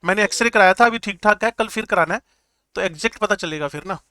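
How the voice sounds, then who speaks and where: Male chemistry teacher, joking lecture style, repeats terms slowly, high bright voice, dry sound. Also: clean tone, dry recording. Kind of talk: classroom lecture.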